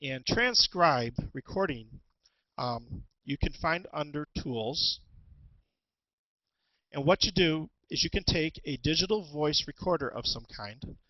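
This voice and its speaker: A man presenting an instructional webinar as a teacher, talking through tools in a halting way with many ums and restarts, on a headset. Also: fairly high pitch, expressive, dry recording, muffled recording. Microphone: headset with headphones.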